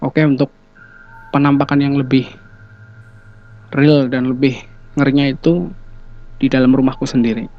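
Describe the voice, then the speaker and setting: Relaxed man telling ghost stories. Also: medium pitch, normal speed, pauses often. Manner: relaxed, hesitant, many fillers. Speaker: guest telling ghost experiences. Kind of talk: casual storytelling. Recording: dull lo-fi sound.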